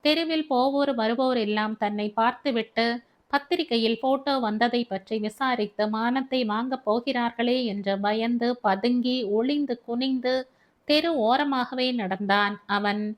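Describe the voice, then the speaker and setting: A woman's voice: on the high side, a little slow. A woman reading a family novel aloud as an audiobook narrator.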